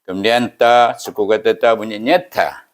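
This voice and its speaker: A man's voice: fairly low pitch, steady tone. Patient Malaysian man teaching Quran recitation. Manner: patient, explains syllable by syllable, slow chanted recitation. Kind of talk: step-by-step recitation lesson.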